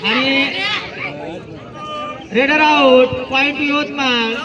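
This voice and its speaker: A man announcing a kabaddi match live through an outdoor loudspeaker, calling out the scores in a raised sing-song. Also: extremely high pitch, steady tone, very slow, highs cut off. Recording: crowd noise at outdoor ground.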